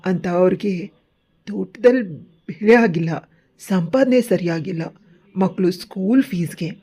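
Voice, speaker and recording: A woman's voice: on the low side, a little mellow, slightly rough. A woman telling a dramatic first-person story in a scripted, earnest narration.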